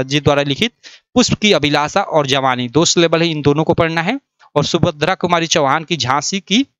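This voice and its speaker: Man teaching a syllabus, slightly high voice. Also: a bit bright, smooth, no echo. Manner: explains patiently, repeats "yahan pe dekho". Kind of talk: screen-share lesson.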